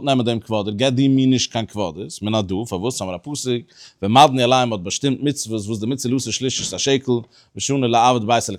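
A man at a middle pitch leads a Talmud study class. He explains point by point, stopping and restarting often as he works through each idea. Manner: halting and explanatory, with many restarts. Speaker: religious teacher.

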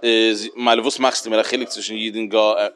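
A man's voice: on the low side, flat delivery, fairly quick, fairly bright tone. A man teaching a Talmud lesson in a sing-song study cadence with many fillers.

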